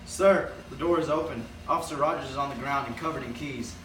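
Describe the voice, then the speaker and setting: A man's voice coming over a walkie-talkie, clipped and formal like police radio chatter. He is fairly distant from the mic in an echoey room, with a steady wash of background noise. His pitch sits in an ordinary middle range. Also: a little fast. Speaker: officer in a comedy skit. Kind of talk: amateur comedy sketch.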